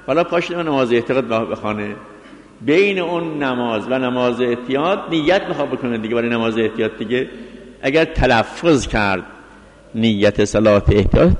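A man's voice: medium pitch, echoey room, long reverb tail. A man giving a lecture on religious law, reading Arabic passages and explaining them point by point. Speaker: seminary teacher of Islamic law. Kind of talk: jurisprudence lecture.

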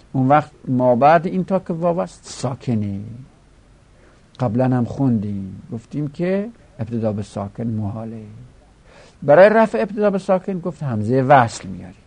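A man's voice: mid-range voice, creaky, a little mellow, breathy edge. Man teaching grammar, chanting forms. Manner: explains step by step, chanting word forms aloud. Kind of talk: grammar lesson.

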